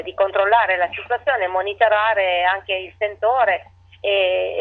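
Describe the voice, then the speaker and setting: Woman mayor speaking over a tinny phone line. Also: mid-range voice. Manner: halting, restarts phrases often. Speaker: town mayor. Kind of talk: phone interview on radio.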